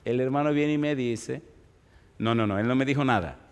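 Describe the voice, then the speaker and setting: A man pastor preaching a sermon, telling stories in an animated way and asking the congregation rhetorical questions. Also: mid-range voice, normal speed, clean tone, big-room sound. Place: church.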